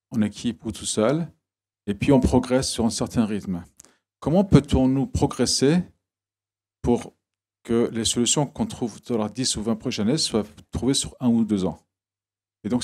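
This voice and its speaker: A man in giving a public talk to an audience, halting and often repeating words. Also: mid-range voice, a little mellow. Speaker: guest speaker.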